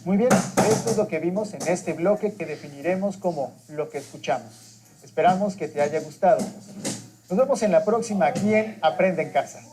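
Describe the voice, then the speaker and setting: A narrator reading scripted instructions calmly to children. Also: mid-range voice, moderate pace. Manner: calm, instructive address to children. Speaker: program narrator. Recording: TV sound recorded by a home device, with music behind.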